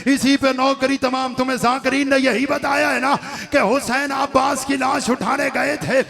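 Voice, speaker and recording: A man with a Punjabi accent reciting a majlis to a village mourning gathering, moving from soft narration to shouted, sung lament. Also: very high-pitched, flat delivery, normal speed, vocal fry. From Pakistan. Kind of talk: impassioned religious majlis oration.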